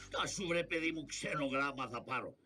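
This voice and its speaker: A man's voice: mid-range voice, bright, forceful tone. A man playing in a comic shadow puppet show, bossy and exasperated.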